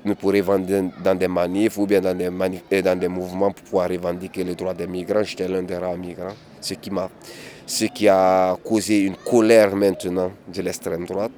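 A man's voice: deep voice, flat delivery, normal speed, a little mellow. A man, recounting his experience as a migrant activist in a hesitant interview, often restarting and repeating words. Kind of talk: candid interview testimony.

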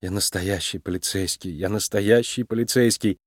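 A man puts on a small, plucky young rabbit policewoman, her voice pushed well up into a high, lively register. She barks earnest commands at a thief and pleads her case, and the dry, close sound keeps every word crisp. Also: moderate pace, dry recording. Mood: dejected mumble.

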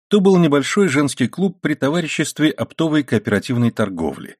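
A man's voice: medium pitch, a little mellow, breathy edge, no room sound, studio quality. A man narrating a classic novel as an audiobook, reading expressively and acting out the dialogue.

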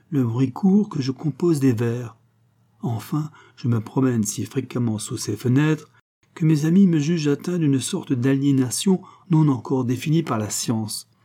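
A man's voice: mid-range voice, mellow, natural voice. A man voicing a lovesick young Parisian gallant who pleads in an impassioned, florid way.

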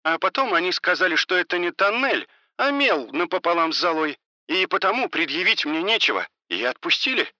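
A man's voice: high-pitched, big pitch swings, a little fast, bright, forceful tone, no room sound, muffled recording, pitched above the performer's own voice, heavily acted. A man voicing a frightened woman caught up in drug dealing, talking in a scared, pleading way.

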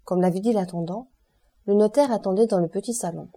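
A woman narrating a classic novel as an audiobook in a measured storytelling manner. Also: mid-range voice, mellow, slightly rough.

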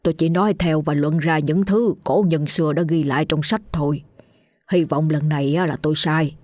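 A woman voicing an older village fortune-teller with a measured, gruff manner. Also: sits low, fairly even intonation, a little mellow, no echo, lightly acted. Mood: consoling. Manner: measured, then scolding.

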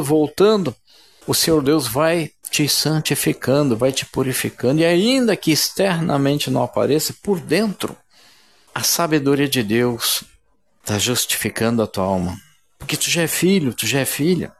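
A man preaching a sermon in a fervent, emphatic way, often addressing his listeners as brothers. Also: fairly high pitch.

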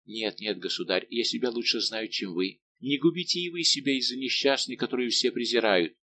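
A man voicing a fragile, heartbroken young woman who pleads softly, in an audiobook. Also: mid-range voice, fairly quick. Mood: pleading.

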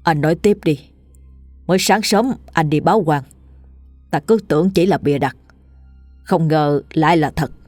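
A woman voicing a stern old-time magistrate who questions witnesses in a spoken ghost story, her tone measured. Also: low-pitched, darkish tone, dry recording, soft background music. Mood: questioning.

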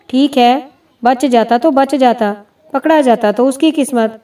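A woman's voice: sits high, mellow, lightly acted. A woman voicing a blunt, impatient army major who talks curtly and presses hard, heard from a distant mic. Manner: curt, pressing.

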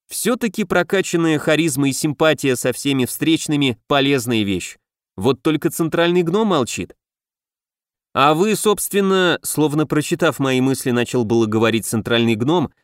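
A man reading a first-person fantasy audiobook in an even, storytelling manner. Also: a little high, dry recording, clean studio sound. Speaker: audiobook narrator.

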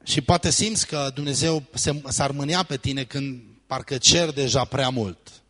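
A man's voice: mid-range voice, fairly even intonation, a bit bright. A man preaching a sermon as pastor, reading scripture verses and acting out pleading prayers.

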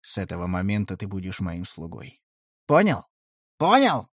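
A man voicing a menacing young male half-elf who hisses and growls threats in a low voice. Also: huge pitch swings, normal speed, no room sound, studio quality, full character voice. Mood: roaring.

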